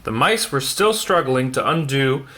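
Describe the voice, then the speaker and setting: Unhurried and animated, a man reads a children's picture book aloud at bedtime, occasionally fumbling words and commenting casually on the pictures. He has a sharp-toned, mid-range voice, and there's a little hiss or hum in the recording.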